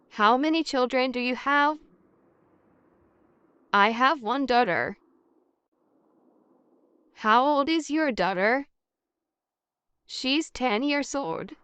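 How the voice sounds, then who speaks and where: A woman teaching English through a scripted practice dialogue, speaking at a very slow, deliberate pace. Her voice is smooth and crisp, and she sits a little high for a woman. Every line comes out carefully enunciated in a dry, close sound. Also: a bit bright, no room sound. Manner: reads each question and answer twice, carefully enunciated. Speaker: language teacher.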